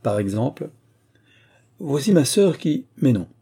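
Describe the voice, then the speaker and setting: A teasing young princess with a lively, raised voice, as a man reads her. Her tone comes through dark and husky, with a quick, mischievous bite. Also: on the high side, pitched above the performer's own voice, exaggerated voice. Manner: quick-witted, mischievous, playful.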